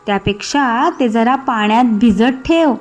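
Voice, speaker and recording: A woman's voice: a little high, a little slow, faint music behind, close to an everyday voice. A woman voicing a clever, sly little male tortoise in a children's cartoon story, coaxing sweetly.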